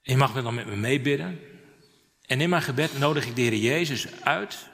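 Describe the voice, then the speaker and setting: Bright-voiced man preaching in a reverberant hall. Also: mid-range voice, normal speed, creaky. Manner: animated storytelling with dramatic rises. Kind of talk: sermon.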